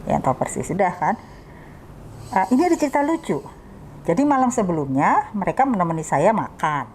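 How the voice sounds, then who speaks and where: A middle-aged woman, telling stories as an interview guest in a casual, animated way and laughing as she talks. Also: mid-range voice, brisk, a little hiss or hum. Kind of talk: casual storytelling chat.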